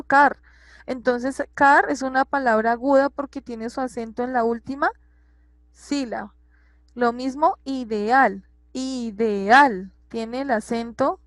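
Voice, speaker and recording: A woman's voice: on the high side, no echo. A woman teacher explaining a grammar lesson patiently, repeating examples and checking that her students follow.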